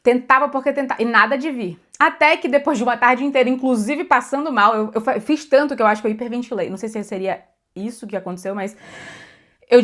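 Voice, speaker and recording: A woman's voice: a little high, fairly bright tone. A young adult woman with a Brazilian accent, teaching pronunciation in a chatty, casual lesson, often repeating words for emphasis. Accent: Brazilian Portuguese. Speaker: English teacher.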